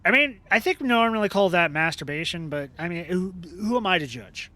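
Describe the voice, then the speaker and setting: Young male streamer; casual read-aloud of game text, slightly high pitch. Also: animated, brisk, bright, forceful tone. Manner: casual, joking asides between narration.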